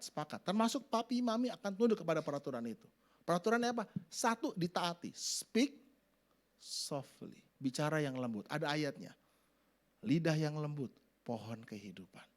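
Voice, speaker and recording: Animated pastor with a high, lively voice. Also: male voice. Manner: animated, acts out family scenes with shouted voices. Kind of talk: sermon.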